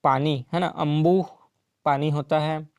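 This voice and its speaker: Unhurried and steady, a man with a somewhat high, clean voice runs an exam-prep lesson with no echo in the audio. Each question gets a step-by-step explanation, punctuated by frequent "ठीक है" and "है ना" check-ins.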